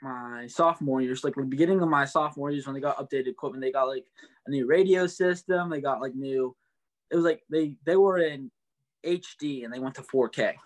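A young adult college student chats casually as an interview guest, his mid-range voice brisk. His talk is loaded with the filler "like."

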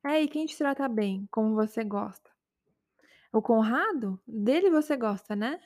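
A woman's voice: a little high, animated, unhurried, darkish tone, no room sound, clean studio sound. A woman voicing a young man, a jealous and hot-tempered boyfriend who argues defensively with his girlfriend in a spoken story. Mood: defensive, angry. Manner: defensive, quarrelsome.

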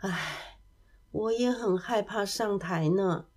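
Woman doing a shy little boy, eager and excitable, bouncy high voice. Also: moderate pace. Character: bashful kind little boy.

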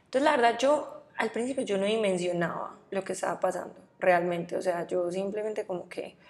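A young woman from Medellín with a paisa accent, telling her story as a podcast guest, animated and quick to laugh. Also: mid-range voice. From Medellín, Colombia. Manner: animated, laughs often, acts out quotes. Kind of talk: casual interview storytelling.

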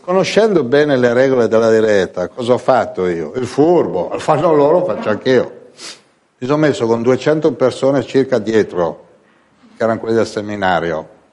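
A man with a mid-range voice tells anecdotes to a listening group in a casual, lively way. He keeps mimicking the people in his stories, jumping up into their voices and back down to his own. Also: mid-range voice, moderate pace. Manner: animated, imitates other voices in quotes. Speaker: storyteller.

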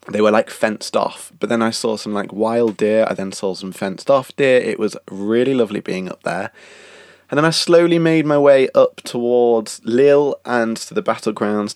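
A young man hosts his podcast indoors at a countryside house, chatting casually, laughing between phrases, and fighting a lingering cough. His voice is on the low side. The recording is dry and studio quality.

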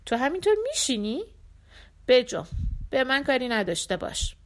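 A woman's voice: high voice, big pitch swings. A woman voicing a brazen, irritable middle-aged woman of the street who snaps back with mocking retorts, in an audiobook. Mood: impatient.

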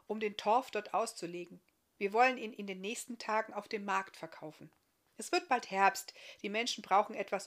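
A woman voicing a sensitive, caring teenage girl in a storybook, speaking softly. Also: medium pitch, close to an everyday voice.

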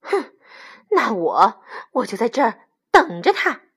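A woman's voice: a little high, big pitch swings, measured pace, slightly rough, heavily acted. Woman doing a fierce protective mother sheep. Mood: indignant. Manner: insistent, indignant. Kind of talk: storybook read-aloud.

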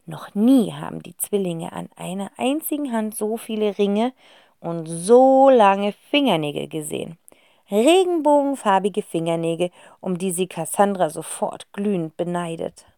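A woman narrates a children's story with a very animated, expressive delivery. Her voice sits at a mid pitch and is recorded dry and close. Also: a little slow, creaky, no room sound. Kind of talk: children's audiobook reading.

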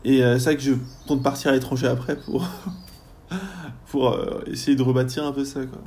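Gravelly-voiced young man, chatty student. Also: medium pitch, moderate pace, a little mellow, slight background noise. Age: young adult. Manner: chatty, lots of hesitations and fillers. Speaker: university student guest. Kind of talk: casual podcast interview.

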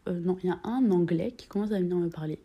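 A vlogger in her twenties tells a holiday story in a chatty, slangy style, mixing in English phrases, poking fun at herself playfully and slipping into whispered asides. Her voice is fairly low, fast and warm with a breathy edge, and the highs are cut off.

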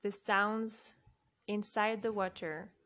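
Woman, guided sleep meditation, soft and unhurried, very slow, long pauses. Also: mid-range voice, fairly even intonation. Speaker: guided relaxation narrator.

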